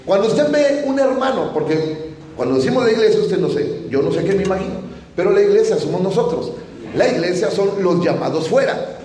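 Earnest male preacher, somewhat high voice, heavy room echo. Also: mellow. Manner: earnest, addresses listeners as "hermano". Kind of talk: sermon. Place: church. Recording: echoey church hall from a distant mic.

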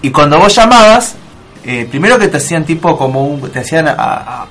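A young Argentine man telling stories on a radio show, animated and quick to mimic the people in them. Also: a little high. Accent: Argentine Spanish. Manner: animated storyteller, mimics callers. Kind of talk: casual banter, storytelling.

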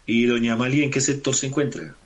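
A man's voice: mid-range voice, steady tone, quick pace. A man with a Colombian accent interviewing in a casual, informal way, often checking with short tag questions. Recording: noisy remote call with clicks.

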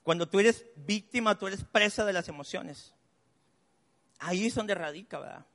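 A man's voice: high voice, normal speed, fairly bright tone. A man, preaching a sermon in a chatty, story-telling way from the pulpit of a church. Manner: conversational preaching, chatty asides and personal stories. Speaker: pastor. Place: church hall. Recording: long church-hall reverb.

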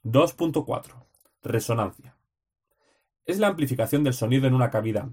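A man's voice: medium pitch, normal speed, a little mellow, husky. A man reading study notes aloud for a teaching exam, in terse, list-like phrases with short headings.

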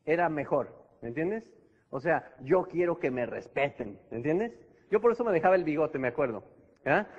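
A man giving a motivational seminar talk as a network marketing trainer, chatting with constant tag questions and acting out examples. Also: sits high. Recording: echoey hall, dull lo-fi sound.

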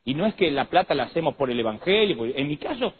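A man's voice: a little high, fast talker. A man in his thirties with an Argentine accent, preaching a humorous, digressive sermon to a conference crowd. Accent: Argentine Spanish. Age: 30s. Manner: animated, digressive storytelling. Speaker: pastor. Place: conference hall. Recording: tinny lo-fi recording with faint noise.

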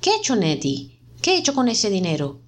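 A woman voicing a panicked middle-aged husband who shouts in rising alarm. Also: medium pitch, wildly swooping pitch, a little fast. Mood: frantic.

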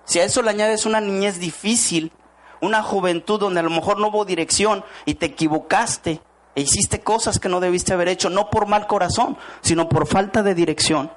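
Male speaker, motivational seminar style, a bit high-pitched, keeps asking the room questions. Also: normal speed. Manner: rhetorical questions to the audience, acts out quoted voices. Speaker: network marketing speaker. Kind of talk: motivational talk to a live audience.

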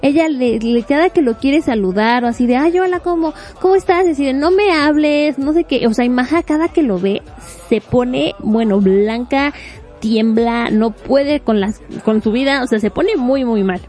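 A woman casually recapping a webtoon plot, animated and full of fillers. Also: on the high side, moderate pace. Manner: animated, acts out quotes, fills with este.

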